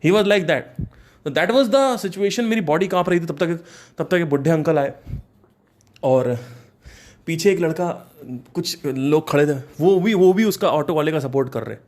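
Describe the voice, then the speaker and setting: A young man from Kanpur telling a personal story in a casual, animated way, slipping English phrases in and laughing between lines. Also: a little high, measured pace.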